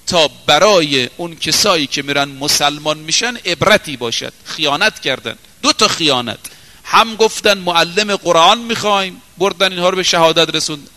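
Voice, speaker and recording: A high-voiced man preaches a sermon in a big-sounding room, telling a story with drama. He swings between raised exclamations and hushed, slowed-down passages.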